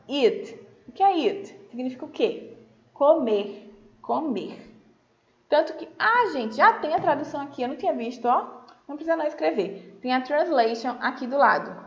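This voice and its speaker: A woman's voice: on the high side, reverberant, lo-fi sound. A woman with a Brazilian Portuguese accent teaching English to children in a recorded lesson, patient and checking in often. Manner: patient, explains slowly, checks in with "tá?" and "certo?". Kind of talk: recorded remote class for children.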